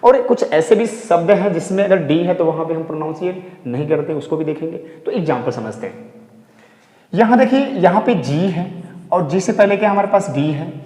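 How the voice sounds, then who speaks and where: A man's voice: on the high side, expressive, moderate pace, dark tone. A male teacher giving a pronunciation lesson to pupils, repeating each point and asking rhetorical questions before answering them. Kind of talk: classroom lesson. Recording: echoey hall.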